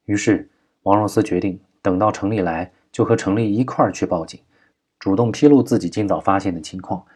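A man narrating a crime novel audiobook at a steady, measured pace. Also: on the low side, slightly rough.

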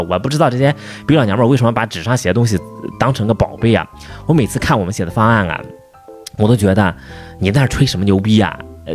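A man rants in a fast, swearing, heated flow. His voice sits low but swings widely in pitch as his anger flares. Faint music plays behind him. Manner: profane, heated, rising to outbursts. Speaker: storyteller venting about his boss. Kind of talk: casual angry rant.

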